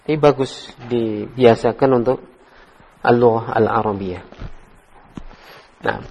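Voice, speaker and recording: A man teaching an Arabic class in a relaxed way, correcting his students. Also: mid-range voice, slow pace, breathy edge. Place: study hall. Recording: dull echoey hall recording.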